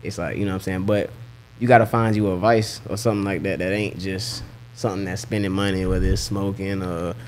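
A man's voice: deep voice, fairly even intonation, brisk, a little hiss or hum. A man, a rapper guest talking casually and slangily on a podcast. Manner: laid-back, slangy, keeps saying "you know what I'm saying".

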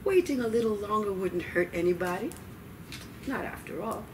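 In the children's room of a library, an older storyteller gives an expressive read-aloud with deliberate pacing and dramatic pauses. Her pitch is medium, and a far-off mic picks up the noisy space around her.

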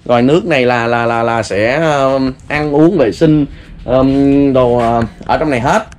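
A man with a Southern Vietnamese accent, interviewing politely and gently with many fillers. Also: mid-range voice, a little slow, clear, resonant tone. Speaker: vlogger interviewer. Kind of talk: casual interview.

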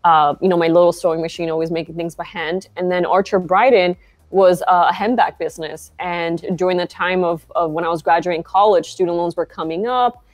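Speaking fairly quickly with fairly even intonation, this young woman's voice is lowish. Originally from Argentina, she's a founder on a video call from a brightly lit shop, keeping the interview chat casual and filler-heavy.

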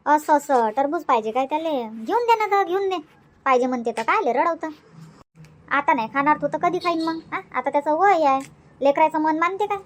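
Village neighbour woman, played by a woman: chatty, coaxing, pitched high. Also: lively intonation, a little fast.

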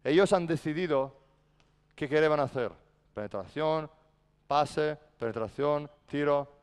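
A man's voice: a little high, measured pace, clear, resonant tone. A man coaching a basketball practice in a large indoor gym, barking short commands and then explaining patiently. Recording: echoey gym reverb.

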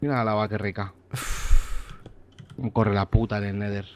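A man's voice: fairly low pitch, little pitch movement, normal speed, dull audio. Teasing, foul-mouthed gamer man. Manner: teasing, swears freely, dry mock-gloom. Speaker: gamer playing together online. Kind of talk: casual let's-play banter.

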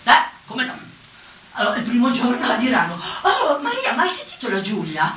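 A woman's voice: fairly high pitch, moderate pace, crowd noise. A woman voicing a clumsy, exasperated old cartoon witch in a comic stage monologue, exclaiming and laughing as she talks. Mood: chatty. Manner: animated, exclamatory, laughs while talking. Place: outdoor town square stage. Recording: echoey, from far off, faint ambience.

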